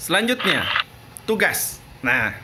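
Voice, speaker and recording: A man's voice: a little high, sing-song, slow, background noise. A man teaching a class, explaining step by step and answering his own questions as he goes. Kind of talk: classroom lesson.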